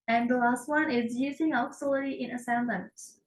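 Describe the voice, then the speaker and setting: A woman's voice: on the high side, fairly even intonation, distant mic. Young woman reading a class presentation, echoey. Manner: careful, slightly halting reading with self-corrections. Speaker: student presenting a syntax project. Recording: echoey room, voice off-mic.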